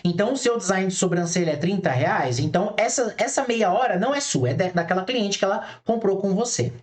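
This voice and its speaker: This male instructor of eyebrow designers sits high in pitch and talks fairly quickly and animatedly in his relaxed online class. Blunt and friendly with his audience, he chats freely and keeps voicing client exchanges as if quoting them.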